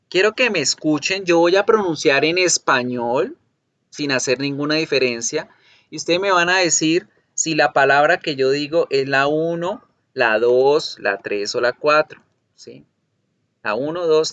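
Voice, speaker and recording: Male teacher, online pronunciation class, slow and patient, dull dry lo-fi sound. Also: a little high, a bit bright. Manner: patient, drills sounds by repetition. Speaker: English teacher. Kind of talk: virtual pronunciation lesson.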